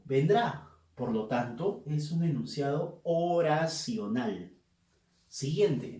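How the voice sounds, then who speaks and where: Slow, deliberate male teacher, echoey. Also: on the high side, dark tone. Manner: slow, deliberate, explanatory, stressing key words. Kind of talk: recorded grammar lesson. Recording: roomy echo.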